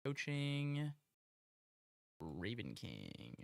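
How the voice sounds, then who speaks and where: A streamer chatting casually and reacting in an expressive, slangy, exclamatory way. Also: medium pitch, very slow, creaky, dry recording.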